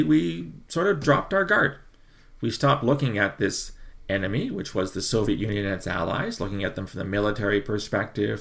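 A middle-aged man hosting a podcast, delivering a measured, emphatic commentary with frequent self-corrections. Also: medium pitch, vocal fry. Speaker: podcast host. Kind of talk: commentary monologue.

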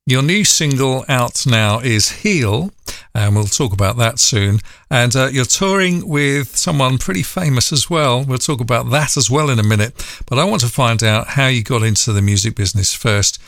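A man hosting a music podcast, chatting easily with his guest in a relaxed way, with some fillers. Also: mid-range voice, normal speed, no echo, studio quality. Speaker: podcast host and broadcaster. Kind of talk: friendly interview chat.

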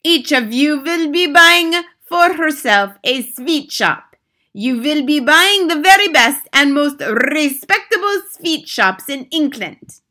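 A woman's voice: high-pitched, expressive, slow, pushed and bright, voice pushed up, exaggerated voice. A woman voicing a furious, commanding female witch queen who screeches and thunders her rants.

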